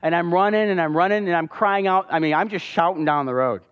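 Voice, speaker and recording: This high-pitched pastor talks at a quick pace in a clear, resonant tone, passionately narrating his testimony during a sermon. The setting is a church hall, captured with a dull sound and lengthy hall reverb.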